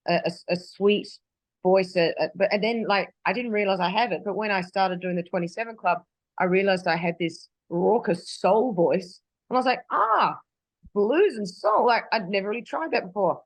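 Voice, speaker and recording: An Australian singer, a guest in a casual interview over a video call, rambles with many restarts and fillers. Her voice is mid-range at a moderate pace, and the recording is rough, though it has no echo.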